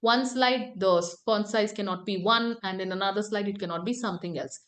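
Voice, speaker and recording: A woman's voice: mid-range voice, a little fast, fairly bright tone. A woman presentation skills trainer giving an online class lecture over a video call, ending points with tag questions. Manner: tag questions, repeated emphasis.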